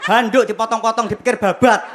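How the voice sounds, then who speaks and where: Young man doing high-pitched stand-up. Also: fast talker. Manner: animated storytelling with acted-out voices and sound effects. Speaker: stand-up comedian. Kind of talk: stand-up comedy set. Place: television studio stage with live audience. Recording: noisy broadcast with loud crowd laughter. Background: audience laughter.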